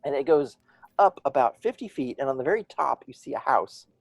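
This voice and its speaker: A man's voice: mid-range voice, lively intonation, a little fast, gravelly, no room sound. A man narrating as game master, rambling with many fillers and restarts.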